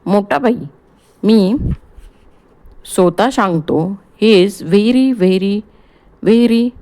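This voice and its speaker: A woman's voice: mid-range voice, takes it slowly, mellow, close to an everyday voice. A woman voicing a jovial, chatty older male surgeon with a Gujarati accent, mixing in English phrases, in an audiobook play reading. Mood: irritated.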